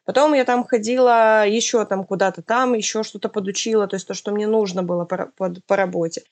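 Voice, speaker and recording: A woman's voice: mid-range voice, steady tone, brisk, a little mellow. A woman talks casually in an interview, explaining things in an informal way.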